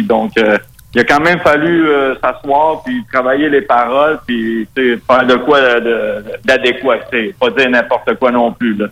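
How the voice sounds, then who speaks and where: Québécois man, bright voice, rambling. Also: mid-range voice. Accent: Québécois French. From Quebec, Canada. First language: Spanish. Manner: rambling, many restarts and fillers. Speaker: metal band musician, interview guest. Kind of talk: casual interview talk. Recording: radio broadcast.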